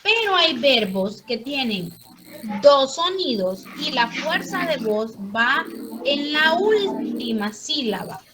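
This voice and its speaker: Slow, high-voiced woman teaching grammar. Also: sing-song, background noise. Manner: patient, explains step by step. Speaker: English teacher. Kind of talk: classroom explanation. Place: classroom.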